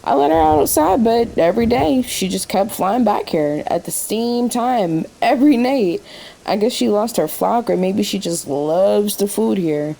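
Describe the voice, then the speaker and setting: In a naturalistic radio play, a woman voices a weary, sassy night-shift waitress who is wry, talkative, fond, and reflective. Her medium-pitched voice is expressive, gravelly, warm, and a little slow. The rough recording sets the diner scene against rain and thunderstorm ambience.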